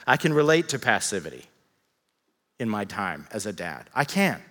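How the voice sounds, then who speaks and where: A man's voice: lowish voice, big pitch swings, normal speed, bright, forceful tone. A man preaching a sermon, conversational and humorous, asking the congregation rhetorical questions. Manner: father of children. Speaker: pastor. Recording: long reverb of a large hall.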